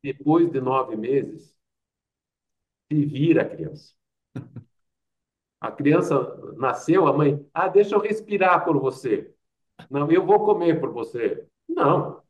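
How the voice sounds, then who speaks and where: Speaking slowly with frequent pauses, a Brazilian-accented man delivers his lines in a fairly high, animated voice, captured from a distance with lo-fi sound. As a doctor and public health expert being interviewed, he tells anecdotes and uses rhetorical questions and quoted asides to make his case.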